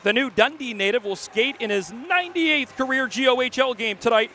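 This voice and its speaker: A male sports announcer with a high, bright voice, calling hockey play-by-play and narrating a game recap. Faint noise sits under his voice, and his delivery lifts when the play gets exciting. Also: a little fast. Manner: energetic, rising for goals.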